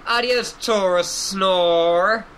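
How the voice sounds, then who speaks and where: A man's voice: sits high, very slow, fairly bright tone, slight background noise, pitched above the performer's own voice, full character voice. A man voicing a smug, scheming female spider troll with a dismissive, teasing tone.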